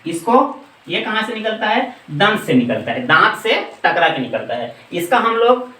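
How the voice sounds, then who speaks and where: A man teaching a grammar lesson, asking questions and answering them himself, and reciting letters slowly one by one. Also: sits high, sing-song, bright, forceful tone, far from the mic. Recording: echoey room, voice off-mic.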